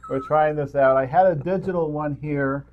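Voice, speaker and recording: A man with a slightly high voice speaks at a moderate pace, his phone-quality audio carrying a little hiss or hum. He co-hosts a local film review show and keeps the unscripted movie talk loose, rambling, jokey and punctuated by his own chuckles.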